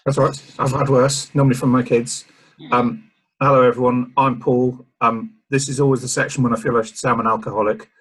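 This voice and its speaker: Husky dry-humoured male solicitor. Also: mid-range voice, flat delivery, brisk, fairly bright tone, rough recording. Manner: dry self-deprecating humour. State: a bit hoarse, frog in throat. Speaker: solicitor, guest speaker. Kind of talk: casual joking talk.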